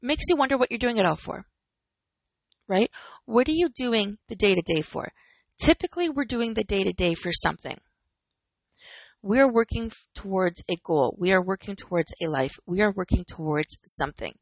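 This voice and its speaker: Earnest woman with a gravelly edge. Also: medium pitch, expressive, moderate pace, no echo, low-quality recording. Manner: earnest, encouraging, reflective; smiling while talking. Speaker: podcast host. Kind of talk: personal motivational talk.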